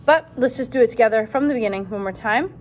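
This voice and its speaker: A woman's voice: a little high, fast, slight background noise. Chatty woman music teacher. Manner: chatty, self-correcting, demonstrates by singing syllables. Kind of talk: casual singing lesson for students.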